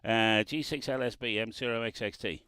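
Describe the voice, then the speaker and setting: Chatty bright-voiced ham radio man. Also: on the low side, fairly even intonation, normal speed, clean tone, no echo. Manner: chatty, laughs often, reads call signs phonetically. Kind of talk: casual radio chat. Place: parked car by the road, remote radio.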